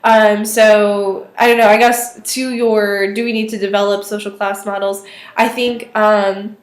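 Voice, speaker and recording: A woman's voice: medium pitch, little pitch movement, a little slow. A woman in her twenties with a weak, thin voice, talking casually and tentatively as she thinks aloud in a video response. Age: 20s. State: weak voice today. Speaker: student vlogger. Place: small indoor office or study. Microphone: webcam or laptop microphone at arm's length. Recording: roomy, echoey webcam sound.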